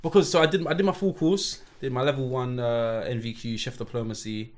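A young man with a London roadman accent telling stories in casual chat, animated and full of street slang. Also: mid-range voice, brisk. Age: young adult. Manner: animated storytelling, peppered with slang and "bro". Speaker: chef, guest telling life story.

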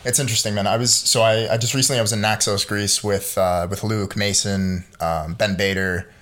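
A man's voice: lowish voice, steady tone, fairly quick, fairly bright tone. A man in his mid-twenties, a podcast guest chatting casually and rambling through stories with lots of "like". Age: 20s. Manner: rambling storyteller, lots of fillers like "like". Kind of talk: casual chat.

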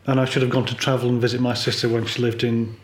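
A man's voice: mid-range voice, level tone, fast, slight background noise. Earnest man in his fifties. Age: 50s. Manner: candid, earnest, wry. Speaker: podcast guest, polar photographer. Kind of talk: reflective conversational chat. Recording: roomy echo.

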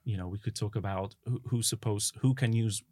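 Thoughtful man, lowish voice. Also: fairly even intonation, a little fast, darkish tone, no echo, studio quality. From Italy. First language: Italian. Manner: thoughtful, many "you know" fillers. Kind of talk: casual conversation.

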